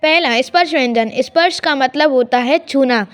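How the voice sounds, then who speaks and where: A woman teaching a grammar lesson, explaining each point slowly and repeating it with examples. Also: sits high.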